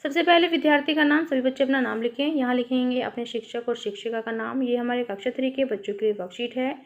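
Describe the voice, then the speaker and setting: A woman's voice: sits high, steady tone, fast, dull audio. A woman teaching a children's worksheet lesson, asking and answering her own questions and spelling out words with careful pronunciation. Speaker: primary school teacher.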